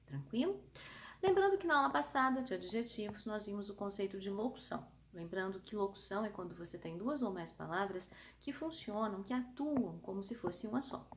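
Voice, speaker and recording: A woman's voice: mid-range voice, fairly quick. Woman, São Paulo countryside accent, grammar teacher, emphatic, checks in with the class, faint background hum. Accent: São Paulo countryside Brazilian Portuguese. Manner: lively, emphatic, asks the class checking questions. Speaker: Portuguese teacher. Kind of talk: online grammar lesson.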